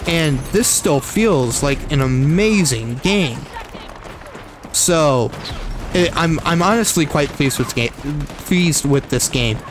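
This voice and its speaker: Speaking slowly but with lively intonation, a young man with a fairly high voice gives casual commentary as he plays a shooter game on his stream, against a noisy background. He never stops talking, rambling, repeating and correcting himself, with a slight frog in his throat.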